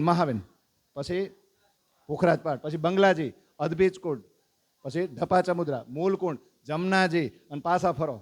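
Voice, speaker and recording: A man leading a devotional lesson, calling out lists and prompting the congregation to recite along. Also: fairly high pitch. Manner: lively, calls out lists and prompts the audience to recite. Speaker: religious teacher.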